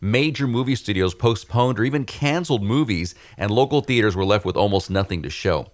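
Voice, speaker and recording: Low-voiced host, measured delivery. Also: male voice, animated. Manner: measured, reads prepared intro. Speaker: podcast host. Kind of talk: scripted show introduction and interviewing.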